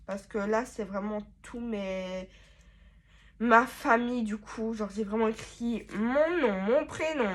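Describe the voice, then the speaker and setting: Young woman, unhurried delivery, rambling and self-mocking, casual bedroom vlog. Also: fairly high pitch. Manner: rambling, self-mocking, loud sudden exclamations. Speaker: vlogger. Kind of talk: casual chat, reading old notebooks aloud.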